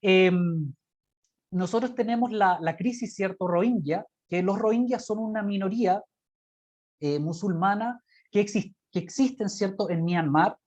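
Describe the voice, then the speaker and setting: A guest lecturer with a Chilean accent speaks in a mid-range, slightly mellow voice at a measured pace. She presents informally from slides on a video call, hesitant and often adding little tag questions to seek agreement. The call audio is muffled and lo-fi.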